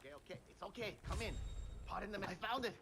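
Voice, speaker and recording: An actor playing a nervous, hurried man in an action video game, flustered and repeating himself. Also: sits high, expressive, pushed and bright, breathy edge, heavily acted.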